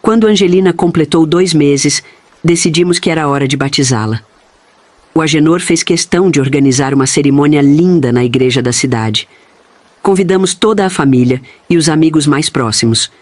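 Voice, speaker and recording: A man reading a first-person family story in a steady, earnest storytelling manner. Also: fairly high pitch, a little fast, dry recording. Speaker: narrator.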